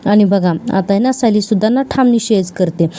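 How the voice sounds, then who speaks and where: A woman's voice: mid-range voice, a little fast, warm tone. A woman casually retelling a TV serial episode in a chatty, filler-heavy way.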